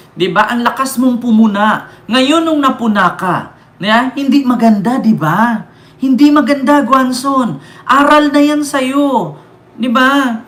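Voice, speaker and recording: A Filipino vlogger with a very high, fairly bright voice delivers heated political commentary, scolding his target and reading viewer comments aloud. He keeps firing rhetorical questions, repeatedly asking "di ba?", in an echoey room with faint ambience.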